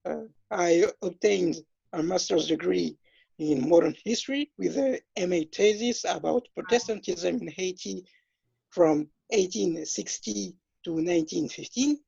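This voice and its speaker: Man, twenties, from France, hesitant speech, fillers, husky, lo-fi dull audio. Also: sits high, unhurried, dark tone, no echo. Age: 20s. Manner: hesitant, many fillers and restarts. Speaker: interview guest. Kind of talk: self-introduction in an interview. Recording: dull, lo-fi dry sound.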